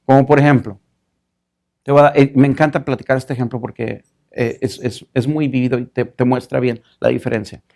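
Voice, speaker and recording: A male pastor delivering a sermon in a gravelly voice at a middle pitch. He tells stories with animation and drops into English phrases now and then. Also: flat delivery, fairly quick, a little mellow.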